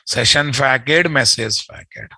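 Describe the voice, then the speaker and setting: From an indoor room on a video call, a middle-aged Telugu-accented software instructor leads a casual live lesson, repeating phrases and addressing learners in a familiar way. His medium-pitched voice is a little slow, creaky, husky, pushed and bright, recorded dry.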